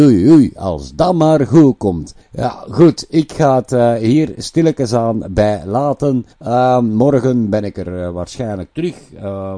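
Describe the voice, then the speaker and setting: A man's voice: on the low side, dark tone, no room sound, clean studio sound. A man with a Flemish accent giving a casual, rambling monologue of opinions. He often ends his phrases with a questioning tag.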